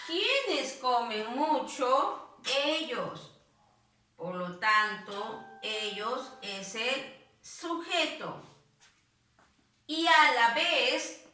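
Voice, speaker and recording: A woman's voice: on the high side, pushed and bright, far from the mic. A woman teaching a grammar class to children, patiently repeating and asking them questions, with a Peruvian Spanish accent. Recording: echoey room, voice off-mic.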